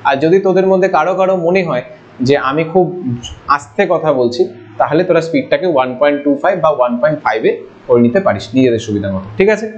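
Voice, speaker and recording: A man teaching an online maths lesson over slides. He talks informally, asking his students questions and answering them himself. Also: on the high side. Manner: informal, addresses students with familiar forms. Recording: dull lo-fi audio.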